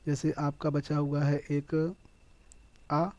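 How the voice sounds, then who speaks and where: A man's voice: fairly high pitch, measured pace, warm tone, no room sound. A man with a Hindi accent teaching an exam-prep lesson, explaining step by step and answering his own questions.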